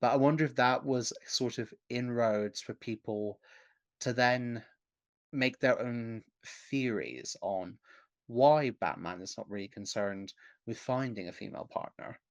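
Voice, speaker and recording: A man co-hosting a podcast, speaking in a measured way and often searching for the right words. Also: medium pitch, no room sound, highs cut off. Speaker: podcast co-host. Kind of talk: casual podcast discussion.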